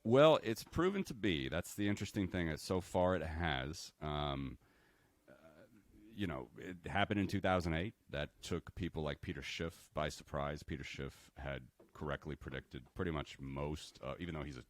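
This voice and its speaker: Very deep-voiced American man, rambling. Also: expressive, normal speed. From United States. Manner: rambling, with many fillers and restarts. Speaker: podcast co-host. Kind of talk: casual chat.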